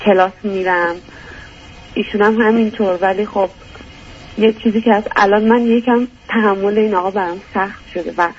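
A woman's voice: medium pitch, fairly even intonation, muffled recording, a little hiss or hum. A young woman calling a radio advice show, speaking hesitantly and searching for words as she explains her problem. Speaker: caller. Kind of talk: call-in advice talk.

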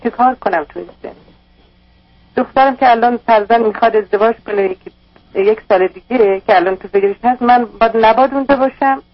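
A woman's voice: fairly high pitch, no room sound. Distressed woman caller on radio. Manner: distressed, rambling, emotional. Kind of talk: call-in radio conversation. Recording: dull lo-fi radio broadcast.

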